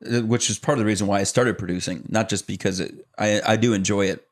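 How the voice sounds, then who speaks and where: A young adult man from the Chicago area, an actor and producer telling his story as a podcast guest in relaxed, rambling chat full of fillers. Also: lowish voice, fast talker. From Chicago area, United States. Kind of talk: casual conversational storytelling.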